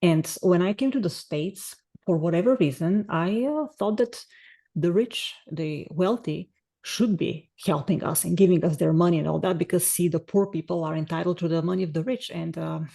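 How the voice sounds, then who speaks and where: Middle-aged woman, gravelly mellow voice, talks fast and sure of herself. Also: on the low side. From Bulgaria. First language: Bulgarian. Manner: brisk, assertive, explaining. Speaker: podcast guest. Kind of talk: casual interview talk.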